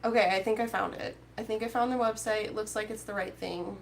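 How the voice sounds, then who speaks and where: A woman's voice: medium pitch, fairly even intonation, fast talker, gravelly, slight background noise. A woman chatting casually with live viewers while she crochets, rambling and reading out their comments. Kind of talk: casual crochet-along chat.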